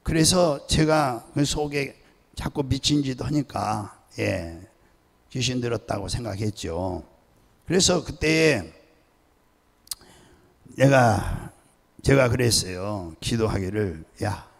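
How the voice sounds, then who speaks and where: Older male pastor with a gravelly voice. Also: medium pitch, expressive, slow, long pauses, in a large hall. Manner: storytelling, acting out pleading and shouting voices. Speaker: pastor emeritus. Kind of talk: sermon with acted-out stories. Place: church sanctuary.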